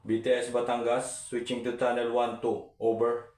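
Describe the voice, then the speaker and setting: A man acting as a ship's radio operator over a ship's radio, speaking in formal, measured radio procedure and spelling out letters and digits one by one. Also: medium pitch, monotone, a little mellow, echoey room. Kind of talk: scripted maritime radio procedure.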